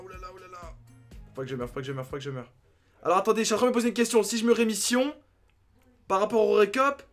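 A young man commentating his own game as a gaming youtuber, thinking aloud and breaking into excited outbursts. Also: on the high side. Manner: excitable, talks to himself, sudden outbursts.

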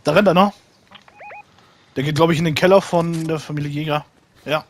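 A man's voice: fairly high pitch, fairly even intonation, brisk, slight background noise. A man in casual gaming chat, teasing his friends and calling out where enemies are, on a headset mic. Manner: teasing, calls out enemy positions. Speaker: gaming squad member.

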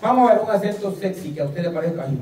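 A man's voice: high-pitched, animated, very fast. A man with a Salvadoran accent hosting a quiz show, teasing the contestants and laughing often. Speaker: game show host. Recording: echoey, distant mic, loud crowd.

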